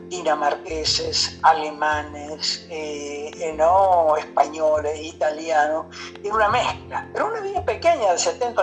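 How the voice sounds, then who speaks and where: A man's voice: on the high side, rough recording. Older Argentine man in his 70s, radio guest, loose rambling talk full of fillers and "right?" tags, faint music underneath. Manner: rambling, many fillers and tag questions. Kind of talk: casual radio interview.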